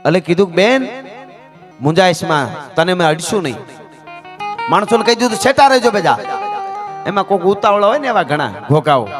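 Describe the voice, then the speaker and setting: A man's voice: high-pitched, expressive, a little fast, pauses often. A man, telling a folk tale dramatically to an audience he calls friends, with humorous asides. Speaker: folk storyteller. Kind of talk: live folk storytelling with humor. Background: stringed instrument music.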